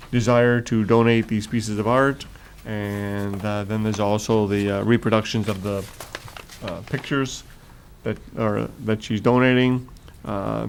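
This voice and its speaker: A man chairing a public board meeting who reads agenda items aloud in a formal, halting way with frequent fillers. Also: fairly low pitch, vocal fry, slight background noise. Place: meeting room.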